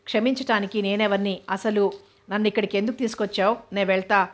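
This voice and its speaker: A woman's voice: mid-range voice, fairly even intonation, quick pace, lightly acted. A woman voicing a feverish, sulking young husband in a read-aloud novel, speaking curtly. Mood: bitter. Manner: sulky, curt.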